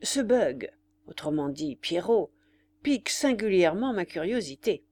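A woman reading a storybook, voicing a boastful young male lieutenant in a loud, wagering tone. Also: on the low side, big pitch swings, unhurried, slight background noise. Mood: curious.

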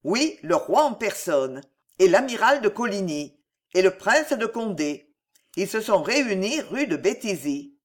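A woman's voice: mid-range voice, big pitch swings, measured pace. A woman voicing an ardent young nobleman who speaks earnestly, in an audiobook reading.

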